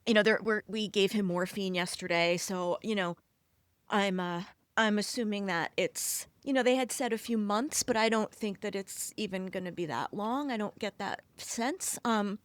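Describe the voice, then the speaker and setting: A woman's voice: medium pitch, normal speed, no echo. A middle-aged woman speaking as a podcast guest, upset and close to tears, hesitant and apologetic. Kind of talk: casual conversation.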